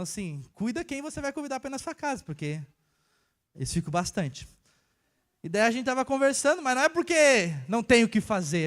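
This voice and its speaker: Man, young adult, high voice, informal sermon testimony, hushed then emphatic. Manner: informal, storytelling, swings between hushed and emphatic. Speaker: church worker preaching.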